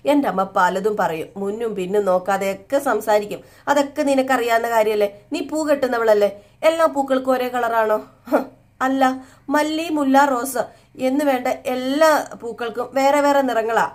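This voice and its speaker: A woman voicing a loving young husband who gently reassures his wife. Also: fairly high pitch, lightly acted. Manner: soothing, reassuring.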